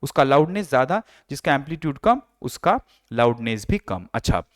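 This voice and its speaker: A man's voice: mid-range voice, very animated, moderate pace, no echo, clean studio sound. A male teacher giving a lecture, who repeats key phrases and asks and answers his own questions. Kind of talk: classroom lecture.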